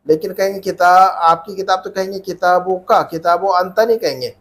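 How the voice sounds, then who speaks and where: A man's voice: high-pitched, a little fast, a bit bright. A man teaching an Arabic grammar class, patiently repeating questions and prompting students to answer back. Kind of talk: classroom grammar lesson with call-and-response drilling.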